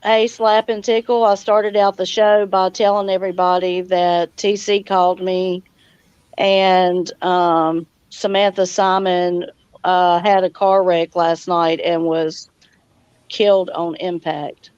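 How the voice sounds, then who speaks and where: A woman hosts a casual live chat stream, greeting guests and viewers with a folksy "y'all." Her voice is lowish, level, slow-paced and a little mellow, with a clean tone and no echo, though the audio is dull and lo-fi.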